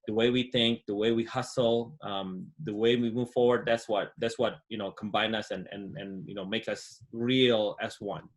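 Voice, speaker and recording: This relaxed Indonesian man in his forties, a guest entrepreneur, chats casually in an interview via webcam from inside his home. His voice is on the low side and moderately paced with hardly any pauses, peppered with fillers and "you know."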